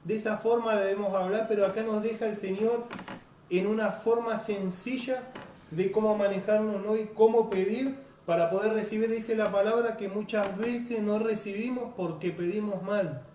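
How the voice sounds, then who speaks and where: A male preacher, giving an earnest, unhurried sermon that keeps asking "right?". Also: high-pitched, steady tone, mellow. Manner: earnest, unhurried, frequent "right?" tag questions. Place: church hall. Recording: echoey hall, distant mic, faint noise.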